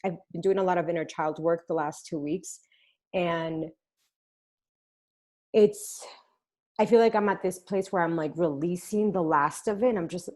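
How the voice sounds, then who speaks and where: A woman hosting a podcast interview, telling stories animatedly and laughing easily. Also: fairly low pitch. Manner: animated storyteller, quick to laugh. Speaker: podcast host. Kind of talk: casual conversational interview.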